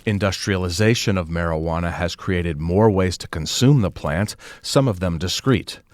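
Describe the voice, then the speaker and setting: A man with a very low voice narrates a scripted feature report. The sound is dry and close. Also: moderate pace, no room sound.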